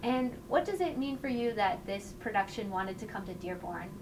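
A woman interviewing a guest, asking brisk prompting questions. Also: medium pitch, expressive. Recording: distant mic with clear background noise.

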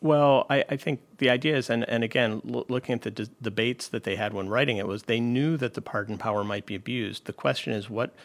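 A man's voice: medium pitch, fairly quick, few pauses. A man explaining law as a radio guest, lecturing with frequent restarts and fillers. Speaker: legal expert guest.

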